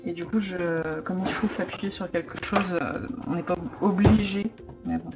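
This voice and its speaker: A woman thinking aloud as she makes a card, with frequent hesitations and the odd hushed aside. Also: on the low side, steady tone, normal speed. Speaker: crafting vlogger. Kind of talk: casual crafting tutorial. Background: background music.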